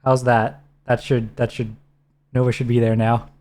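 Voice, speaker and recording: A man's voice: mid-range voice, normal speed, a little hiss or hum. A man co-hosting a game stream, casually walking a teammate through menus and gear. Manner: relaxed, instructive, talks teammate through menus. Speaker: streamer co-host. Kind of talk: casual gameplay chat.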